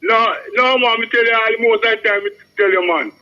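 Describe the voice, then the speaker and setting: A man's voice: very high-pitched, brisk, pushed and bright. A Jamaican man phoning a radio show, talking casually in rambling, insistent Rastafarian-style Patois and often adding 'you know'. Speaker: radio phone-in caller. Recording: dull lo-fi radio phone-in.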